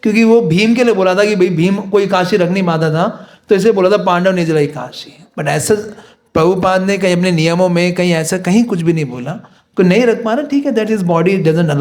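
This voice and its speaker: High-voiced man teaching a devotional class. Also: a little mellow. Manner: explains in Hindi mixed with English, chants prayers. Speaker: course teacher.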